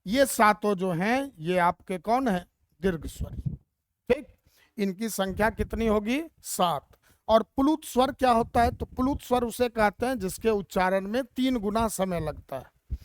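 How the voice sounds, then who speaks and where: A woman's voice: mid-range voice, animated, measured pace, no room sound. A woman teacher explaining Hindi grammar step by step and asking rhetorical questions as she goes.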